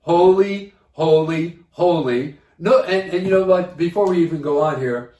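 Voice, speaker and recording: A man preaching a sermon, explaining scripture verse by verse and reading passages aloud with emphasis, often pausing with "uh". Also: sits high, darkish tone. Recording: roomy echo, voice from a distance.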